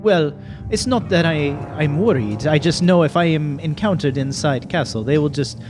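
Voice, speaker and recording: A man voicing a wary, practical female fugitive in a fantasy game, in halting English with dropped articles. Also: a little high, animated, over music, lightly acted. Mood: worried.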